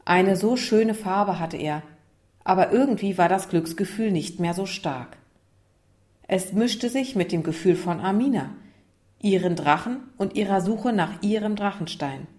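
A woman narrating a children's story in a calm, expressive manner. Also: mid-range voice, a little slow.

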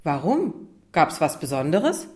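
A woman's voice: sits low, very animated, slow pace, darkish tone, full character voice. A curious young schoolboy, voiced by a woman reader, asking eager questions in a raised, boyish tone. Sensible and earnest, he sometimes drops to a whisper.

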